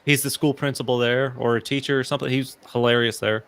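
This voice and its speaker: Man, co-host, casual movie chat, rambling, filler-heavy, average pitch. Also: steady tone, fast, fairly bright tone, smooth, dry recording. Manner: rambling, many fillers and restarts, laughs often. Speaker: podcast co-host reviewing movies.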